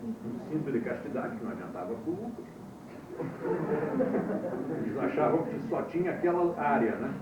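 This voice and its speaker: A man runs a classroom lecture, full of wry storytelling and quizzes for his students, preserved on an old VHS tape taped from a distance. The sound is muffled, echoey and very noisy. His voice is on the high side and very animated, moving at a normal speed with long pauses.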